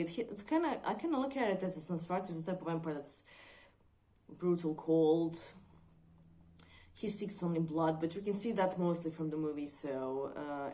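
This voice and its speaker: A woman from Croatia, reviewing movies on her channel in a thoughtful, hesitant way with frequent pauses. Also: deep voice, dark tone. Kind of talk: unscripted video commentary.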